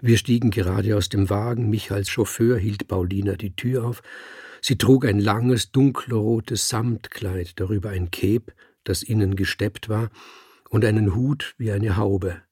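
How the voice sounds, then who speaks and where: A man narrating a first-person story aloud in a measured, reflective way. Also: fairly low pitch, steady tone, dark tone, slightly rough, no echo, clean studio sound.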